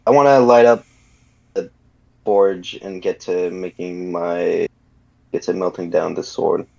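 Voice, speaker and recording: A man's voice: low-pitched, fairly even intonation, a little slow, gravelly, dark tone, highs cut off. A man playing in a tabletop game, speaking plainly and matter-of-factly as a player. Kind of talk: casual tabletop play.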